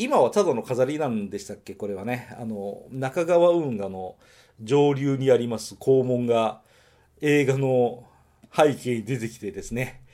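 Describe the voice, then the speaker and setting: He has a mellow, mid-range voice and hosts a podcast from Nagoya, Japan. In this casual one-man film review, he muses out loud and keeps amending what he just said.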